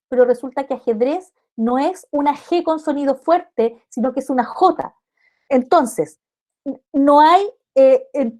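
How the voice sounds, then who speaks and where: A woman lectures a class, patient and explanatory, checking in with her listeners through frequent tag questions. Her voice sits high and has a warm, mellow tone. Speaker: university lecturer teaching early literacy.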